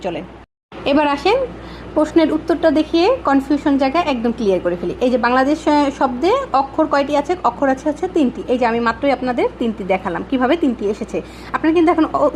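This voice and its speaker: A woman tutor talks fast in a high voice, explaining step by step. She keeps asking the class questions and answering them herself, repeating the main points. Faint noise sits under the recording. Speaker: exam-prep tutor. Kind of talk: casual spoken lesson.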